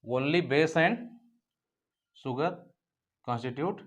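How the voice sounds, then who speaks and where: A man's voice: on the high side, animated, very slow. A man teaching a biology class, asking his own questions and answering them, and often calling the students "beta". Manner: repeats key points as questions and answers them; addresses students fondly as "beta". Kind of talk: whiteboard lecture for school students.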